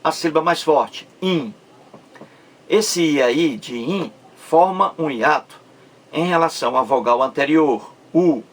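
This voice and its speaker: A man with a slightly high voice and lively intonation teaches grammar in an explanatory video lesson. He speaks slowly, stretching words out syllable by syllable, and keeps asking his audience rhetorically whether they've understood.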